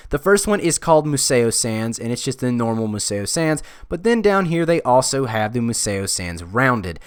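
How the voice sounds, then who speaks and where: Young man, smooth clear tone, dry close sound, relaxed, lots of uhs. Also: mid-range voice, normal speed, dry recording. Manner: relaxed, thinking aloud with frequent uhs. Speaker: design video creator. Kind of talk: casual screen-recorded tutorial talk.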